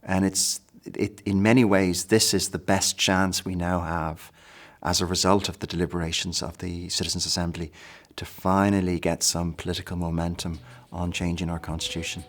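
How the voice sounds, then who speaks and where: Deep, flat-voiced man. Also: normal speed, hardly any pauses. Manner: earnest, repeating words as he builds a point. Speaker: interviewee. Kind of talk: earnest interview commentary.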